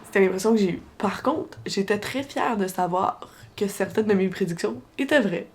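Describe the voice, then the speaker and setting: A woman's voice: medium pitch, animated, moderate pace, slight background noise. A young adult woman with a Québécois French accent, talking casually and with strong opinions as a book vlogger, slipping English phrases into her French. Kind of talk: casual reading-reaction vlog.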